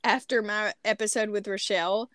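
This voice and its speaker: Hosting a podcast, this middle-aged woman chats informally and self-deprecatingly in a Southern US hillbilly accent much like Appalachian speech. Her medium-pitched voice stays fairly even at a moderate pace, a bit bright, captured with studio quality and no echo.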